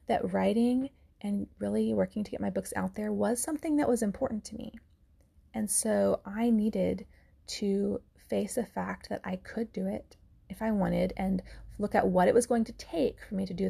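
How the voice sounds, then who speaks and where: A woman, hosting a casual solo podcast in an earnest, reflective way with soft laughs. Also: medium pitch, gravelly, breathy edge. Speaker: podcast host and author.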